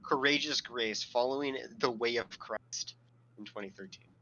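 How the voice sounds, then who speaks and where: A man with a bright, forceful voice in casual podcast chat. He reads quotes aloud and adds sardonic asides, laughing often, with a faint hiss behind him. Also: medium pitch, normal speed, dull audio. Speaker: podcast co-host.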